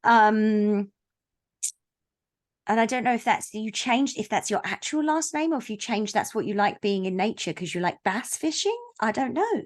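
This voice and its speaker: A woman's voice: mid-range voice, animated, normal speed. A woman hosting an online book launch over a video call, chatty and playful, teasing the audience and owning up to being a stickler for the rules. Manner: self-described stickler for rules. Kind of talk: casual chat on a video call. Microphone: video call mic.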